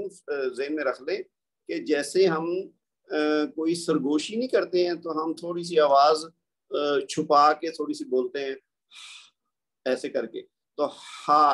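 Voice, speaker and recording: A man teaching a Quran recitation class over a video call, patiently explaining and drawing out letter sounds. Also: on the high side. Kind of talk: online class lecture. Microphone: computer mic on a video call.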